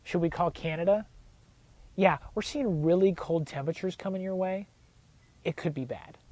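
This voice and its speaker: An alarmist forecaster, acted by a man in a spoof news interview. The voice is very high for a man, recorded dry, and earnest in tone. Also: moderate pace, dark tone, no room sound, natural voice. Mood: earnest worried.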